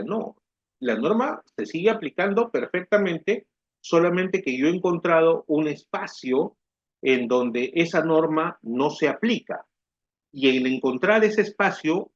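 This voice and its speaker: A man's voice: on the high side, lo-fi sound. A man giving a recorded tax lecture, explaining step by step and checking that his students follow. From Peru. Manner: explanatory, repeats "¿ya?" to check understanding. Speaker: tax instructor.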